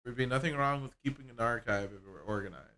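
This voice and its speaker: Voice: mid-range voice, fast talker, a bit bright. A streamer chatting casually and laughing while playing a game on a live stream, rambling with restarts.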